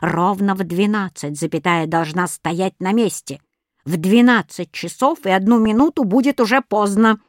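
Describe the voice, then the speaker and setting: A woman's voice: medium pitch, moderate pace, dry recording, studio quality, lightly acted. A woman voicing a stern old woman who is a living punctuation mark, speaking with a scolding tone in a storybook reading. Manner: strict, scolding.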